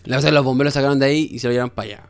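A young man with a Chilean accent in casual chat, slangy and quick to laugh. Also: mid-range voice, fairly even intonation, gravelly, clean tone, soft background music. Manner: slangy, laughs often, acts out quotes.

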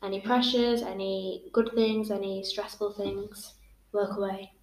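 A woman's voice: medium pitch, steady tone, measured pace. A 21-year-old woman from England, hosting a casual podcast chat and talking in a friendly, rambling way. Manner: chatty, laughs often, uses "like" a lot. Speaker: podcast host. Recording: roomy echo.

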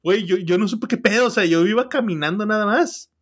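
Slangy Mexican man with a raised pitch. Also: fairly quick. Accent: Mexican Spanish. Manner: profane slangy storytelling, constant filler words. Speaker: podcast co-host. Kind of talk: casual storytelling chat.

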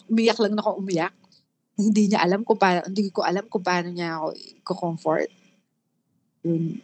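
A middle-aged woman with a Filipino accent, mixing Tagalog and English in a candid interview, halting and full of restarts. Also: on the low side, steady tone, darkish tone. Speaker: guest. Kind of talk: emotional personal interview.

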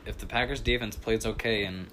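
A man's voice: on the low side, fairly even intonation, background noise. A young man co-hosting a casual podcast, chatting about football and laughing often. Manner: laughs often, quick interjections. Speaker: podcast co-host.

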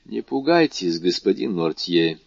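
A man voicing a grave, composed male doctor who speaks in a measured, low, sometimes hushed way. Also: big pitch swings, creaky, dry recording, full character voice. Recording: dull dry lo-fi recording.

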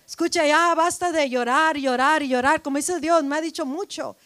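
A woman pastor preaching a fervent sermon, building to loud emphatic repetitions and dropping in English phrases. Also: high voice, normal speed, dry recording. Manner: switches briefly into English phrases.

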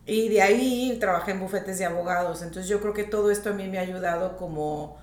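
A woman's voice: medium pitch, a little fast, a little mellow, roomy sound. A woman from northern Mexico, a real estate agent, talking directly and laughing easily as a podcast guest. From northern Mexico, grew up in Tijuana. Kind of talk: casual interview chat.

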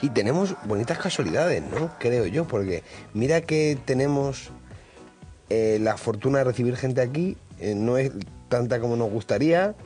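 A man's voice: mid-range voice, expressive, a little slow, mellow, soft background music. A man hosting a radio travel show in casual studio chat, rambling and full of hesitations.

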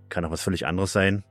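A man hosting a podcast, chatting casually and relaxed about playing a video game. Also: sits low, no room sound. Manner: relaxed, laughs at himself. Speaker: podcast host.

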